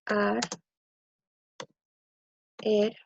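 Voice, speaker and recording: A woman speaks slowly and patiently as she teaches a language lesson, pausing to think aloud and repeating words for her listeners. Her voice is husky with a gravelly edge, a little high for a woman. The recording is dull, lo-fi and dry. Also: monotone, background noise.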